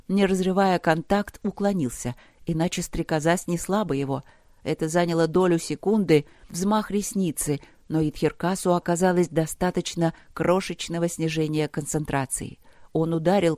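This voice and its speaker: Audiobook narrator, scripted narration, measured dramatic delivery, mid pitch, dry close recording. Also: darkish tone, no echo.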